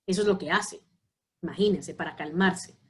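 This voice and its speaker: A woman's voice: on the low side, normal speed, darkish tone. A woman teaching a psychology class, explaining each point with examples and often checking that her students follow. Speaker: psychology lecturer. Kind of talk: online class lecture.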